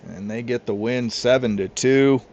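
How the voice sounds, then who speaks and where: A man doing casual, excitable play-by-play commentary for a league, throwing in chatty asides to his co-hosts. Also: medium pitch, normal speed. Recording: slightly muffled with clear music behind.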